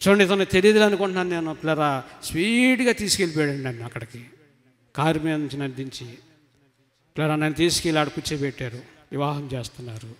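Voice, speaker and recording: A middle-aged man pours out a fervent personal testimony to a church retreat congregation. His fairly high voice surges into loud emphatic cries, then drops to soft, low asides. Everything rings with the long reverb of a large hall. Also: quick pace.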